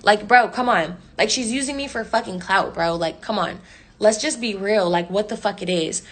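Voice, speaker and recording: A woman's voice: medium pitch, moderate pace. Young woman ranting profanely. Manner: profane, slangy, animated retelling with quoted voices. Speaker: YouTuber telling a story. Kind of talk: casual storytime rant.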